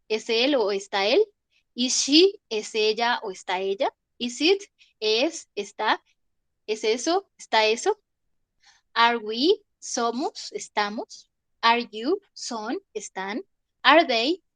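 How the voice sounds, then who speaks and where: A woman teaching a class, her voice sitting high and bright. She explains patiently and keeps checking that everyone follows. The sound is close and dry, with no room around it. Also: dry recording. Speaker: English teacher. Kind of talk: online class lecture.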